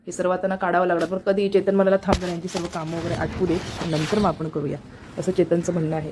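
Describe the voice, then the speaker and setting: A woman's voice: lowish voice, mellow, a little hiss or hum. A woman vlogger chatting casually as she walks a phone camera around her home and kitchen, pointing things out as she goes and getting over a cold and fever. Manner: chatty, repeats "look here" as she shows the camera around. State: recovering from a cold and fever, feels weak. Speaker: family vlogger. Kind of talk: casual home tour vlog. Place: apartment home, indoors, in the kitchen and by the windows.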